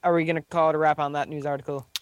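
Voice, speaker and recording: A man's voice: fairly high pitch, little pitch movement, racing, clean tone, highs cut off. A young man hosting a casual gaming podcast, steering the talk and reading out news items.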